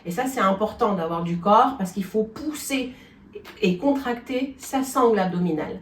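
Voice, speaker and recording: A woman's voice: mid-range voice, lively intonation, moderate pace, a little hiss or hum. A woman vocal coach gives a singing lesson, explaining things step by step and often checking in with her students. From France. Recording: echoey room, from a distance.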